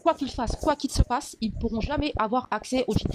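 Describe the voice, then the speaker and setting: Fast, high-voiced woman giving warnings. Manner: earnest, warning, repeats herself. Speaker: caller on a live stream. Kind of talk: casual chat, giving advice. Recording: clicking noise behind the voice.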